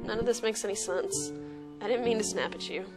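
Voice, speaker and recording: A woman's voice: mid-range voice, fairly quick, over music, voice pushed down, natural voice. A woman voicing an earnest young boy, the hero of a video game, reading out his dialogue. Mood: apologetic.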